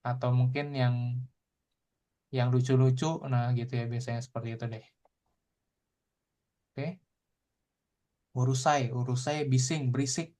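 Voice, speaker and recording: A man's voice: medium pitch, measured pace, long pauses. A man explains vocabulary to his class in an easygoing, repetitive manner. He keeps returning to the same tag phrases as he goes. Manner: relaxed, repeats tag phrases while explaining. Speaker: Japanese language teacher.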